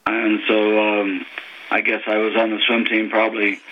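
Brief: older Texan man, low flat voice, on a muffled phone line, unhurried and hesitant. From Texas. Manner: unhurried, hesitant, many ums. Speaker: interviewee, former Olympic diver. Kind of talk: phone oral history interview. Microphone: telephone.

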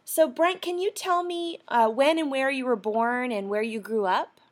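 A woman conducting an oral history interview, asking questions in a formal, measured way. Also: sits high.

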